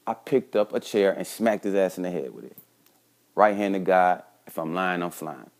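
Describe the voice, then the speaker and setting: Deep-voiced man, casual podcast storyteller, laid-back and slangy. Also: moderate pace. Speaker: podcast host.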